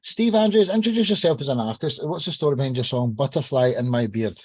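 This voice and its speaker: A male podcast host whose pitch swings widely as he moves the show along. He keeps repeating "well said" and calls the next guest by name. The sound is close and dry. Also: animated, fast talker, darkish tone, husky, dry recording. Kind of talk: hosting a video-call podcast.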